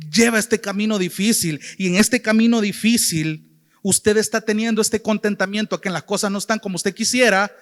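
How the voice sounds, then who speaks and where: High-voiced Salvadoran preacher in reverberant hall. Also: male voice. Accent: Salvadoran Spanish. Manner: earnest, addresses listeners as brother and sister. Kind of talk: sermon.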